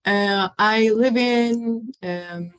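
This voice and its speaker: A woman's voice: on the high side, drawn-out words. A woman taking part in an online workshop, a little flustered as she searches for words. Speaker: workshop participant. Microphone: video call.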